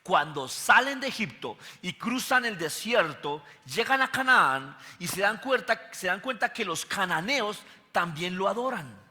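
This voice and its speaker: A man's voice: high voice, very animated, measured pace, few pauses, bright, forceful tone. Male pastor preaching in an echoey hall. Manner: teaching with questions to the congregation. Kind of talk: sermon teaching. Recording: echoey hall with faint guitar.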